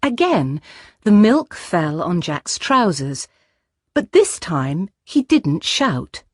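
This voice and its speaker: Low, expressive woman narrating a story. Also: slow, husky, no room sound, studio quality. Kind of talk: scripted story narration for learners.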